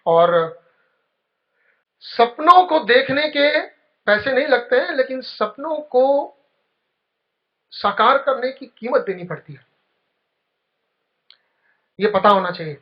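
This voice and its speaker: A man giving a motivational speech, telling a personal story with feeling and dropping soft at the tender parts. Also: animated, slow pace, long pauses. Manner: storytelling, emotional, drops low and soft at touching moments. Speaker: motivational speaker. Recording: dull lo-fi recording.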